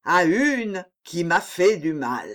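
Pompous brooding poet, solemn and declamatory, slow delivery, voiced by an audiobook reader. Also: medium pitch, sing-song. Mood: declaiming. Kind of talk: audiobook character voice.

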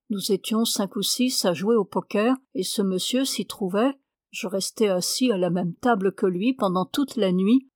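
A woman's voice: medium pitch, darkish tone, no room sound, studio quality, natural voice. A woman reading as a chatty traveling gambler man. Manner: chatty, laughing easily. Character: jovial talkative male traveler, gambler.

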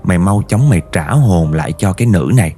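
Brief: harsh older exorcist, deep dark voice, blunt commands, read by a man. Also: lively intonation, fast talker, husky. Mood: stern. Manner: harsh, scolding, blunt orders. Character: stern older male exorcist, commanding and threatening.

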